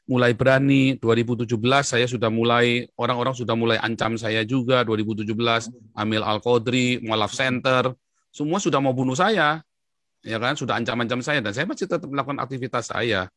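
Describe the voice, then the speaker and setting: A man from Indonesia telling his story in an interview, excitable, his voice jumping up in pitch as he gets worked up. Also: brisk, no echo, studio quality. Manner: excitable, with sudden jumps in pitch and frequent address to the listener.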